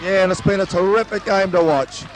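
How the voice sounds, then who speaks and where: A hoarse man calls a local rugby league match play by play from an outdoor grandstand at a suburban oval, his high-pitched voice brisk and soaring on every break. He's excitable and losing his voice. It's an old amateur sports recording full of crowd noise.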